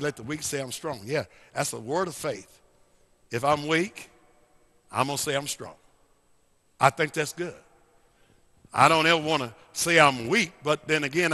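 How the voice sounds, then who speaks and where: A male pastor preaching a sermon, swinging between loud and hushed lines and repeating phrases. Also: a little high, long reverb tail. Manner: preachy, rising and falling dynamics, repeats phrases. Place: church sanctuary.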